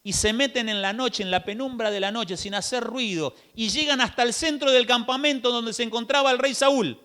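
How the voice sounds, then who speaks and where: A man with an Argentine accent preaching a sermon in a church, telling the story in an animated way with rhetorical questions. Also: very high voice, normal speed, clean tone. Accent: Rioplatense Argentine Spanish.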